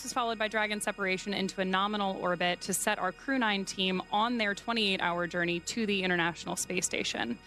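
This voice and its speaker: A woman's voice: medium pitch, sharp tone. A woman hosting live spaceflight coverage, recapping events as a commentator. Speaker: webcast host.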